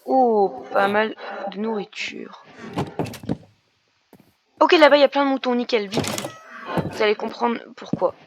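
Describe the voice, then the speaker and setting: A woman's voice: a little high, measured pace, pauses often, noisy background. A young woman commenting on her Minecraft game in a chatty way, explaining as she plays, with many fillers and restarts. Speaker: gaming YouTuber. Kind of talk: Minecraft let's play commentary.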